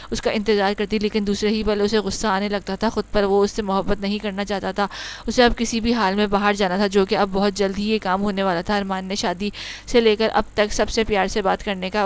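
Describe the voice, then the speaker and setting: A woman narrating a romance audio novel in a steady, even reading voice. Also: medium pitch, clean tone.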